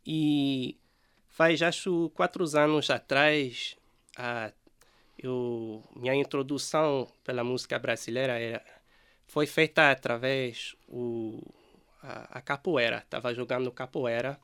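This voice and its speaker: Canadian man, slow hesitant speech, smooth clear voice. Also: mid-range voice, steady tone, a bit bright. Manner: hesitant, many fillers and restarts in a second language. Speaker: musician guest.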